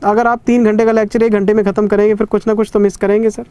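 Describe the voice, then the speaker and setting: A man's voice: sits high, level tone, fast talker, darkish tone, clean tone. A man in his thirties teaching an accounting revision class in a conversational lecturing way, stern yet caring with students. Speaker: CA exam teacher.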